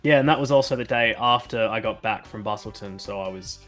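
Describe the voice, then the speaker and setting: A man's voice: lowish voice, fairly quick, a bit bright, faint music behind. An Australian man co-hosting a casual chat with friends, joking in a self-deprecating way. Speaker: podcast co-host. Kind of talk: casual banter among friends.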